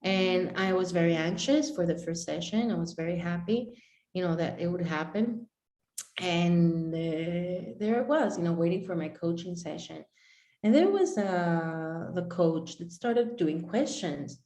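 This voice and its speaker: A woman's voice: lowish voice, measured pace. A young adult woman from Greece, a life coach, telling a personal story to a live online audience and acting out both sides of each conversation. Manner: animated, acts out both sides of dialogues. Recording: echoey room.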